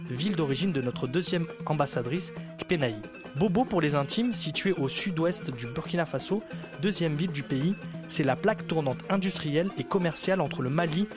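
Guy hosting a french radio show, kinda high voice, friendly, reads scripted bits, light music under it. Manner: friendly, guiding guests with short acknowledgements.

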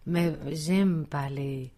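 A woman's voice: low voice, drawn-out words, mellow. A woman from Brazil, a native Portuguese speaker with a Brazilian accent, chatting in French and stretching her vowels expressively. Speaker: guest. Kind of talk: casual conversation.

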